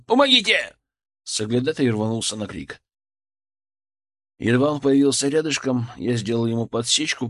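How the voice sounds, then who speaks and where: A man reading scripted first-person narration in a steady, matter-of-fact way. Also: medium pitch. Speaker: audiobook narrator.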